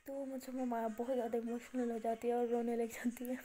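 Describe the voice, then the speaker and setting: A woman with an Indian accent retelling a love story in casual Hindi, chatty and quick, slipping into the characters' lines with excitement. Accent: Hindi-Urdu speaking, Indian. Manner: breathless, chatty retelling, voicing characters' lines with rising pitch. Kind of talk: casual spoken storytelling with acted dialogue.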